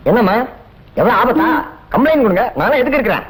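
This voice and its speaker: An actor playing a bossy, blustering comic police constable in film dialogue. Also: male voice, very high voice, very animated, quick pace, fairly bright tone, faint music behind, heavily acted, rough recording. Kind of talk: 1980s Tamil film comedy dialogue.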